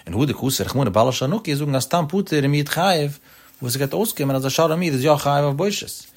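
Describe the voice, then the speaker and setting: A man giving a Talmud study lecture in a sing-song study cadence, often rising in pitch at the ends of his phrases. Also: animated, quick pace. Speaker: Talmud teacher.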